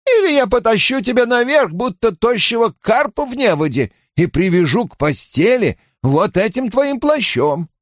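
A man's voice: very high voice, sing-song, normal speed, hardly any pauses, no echo, studio quality, voice pushed up. A man reading an audiobook, voicing a stern, weary grey-haired old woman who scolds and speaks guardedly. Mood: scolding. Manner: scolding then tired and guarded. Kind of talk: audiobook character voice.

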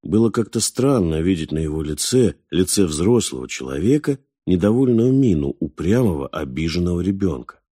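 A man reading a novel aloud as audiobook narrator, in a calm, measured, unhurried manner. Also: sits low, slightly rough, no room sound, studio quality. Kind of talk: scripted narration.

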